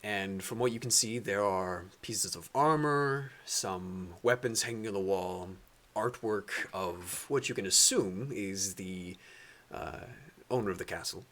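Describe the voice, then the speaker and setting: Lower-voiced man running a tabletop game. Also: measured pace, fairly bright tone. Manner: descriptive, with frequent fillers. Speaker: game master.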